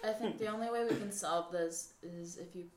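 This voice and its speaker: A woman's voice: fairly low pitch, normal speed, darkish tone, reverberant. A woman co-hosting a podcast in casual chat, hesitant with many fillers and self-deprecating. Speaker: podcast co-host.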